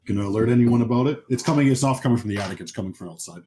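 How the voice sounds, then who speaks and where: This game master has a mid-range, mellow voice and talks very fast as he narrates a horror tabletop roleplaying game. His style is conversational and descriptive, with music underneath.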